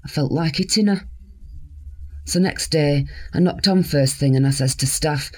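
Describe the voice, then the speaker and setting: An actress as Marlene, a husky blunt woman of sixty. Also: sits low, normal speed. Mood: bitter. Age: 60s. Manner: blunt, wry, bitter storytelling. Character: weary, defiant sixty-year-old woman in care. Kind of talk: dramatic monologue.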